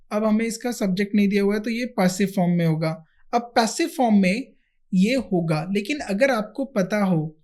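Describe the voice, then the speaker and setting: The speaker is a man whose voice is high and mellow, with an Indian accent. He teaches English grammar for exam candidates in an explanatory lesson that alternates Hindi and English, building each point step by step through repetition and rhetorical questions.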